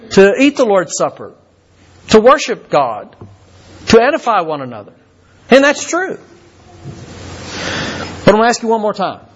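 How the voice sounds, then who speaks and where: An older man from Kentucky preaches a sermon, stumbling over his words and repeating them. His voice sits slightly high. The recording is dull and muffled. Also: breathy edge. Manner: halting, repeats words with many fillers. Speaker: visiting preacher.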